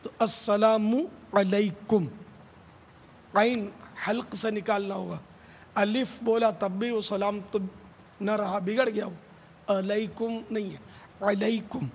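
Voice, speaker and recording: A man answering religious questions, explaining patiently and drilling pronunciation with slow, drawn-out repetitions. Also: high-pitched, fairly even intonation, big-room sound. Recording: dull lo-fi broadcast audio with faint hiss.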